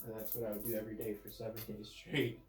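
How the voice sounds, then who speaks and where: A man's voice: lowish voice, little pitch movement, quick pace. Man, congested nose from a cold, casual rambling vlog talk, self-correcting, echoey room, music behind. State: has a cold with a stuffed, runny nose. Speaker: vlogger with a YouTube channel.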